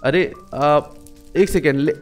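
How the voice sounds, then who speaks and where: A man hosting a casual game role-play, talking excitedly with lots of exclamations and fillers. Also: on the high side, slow pace, faint music behind. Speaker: gaming channel host.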